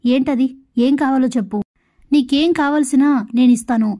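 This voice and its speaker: A woman's voice: sits high, steady tone, moderate pace, dark tone, natural voice. A woman voicing a scheming, ambitious young man in a plain retelling voice. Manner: plain retelling voice, barely acted.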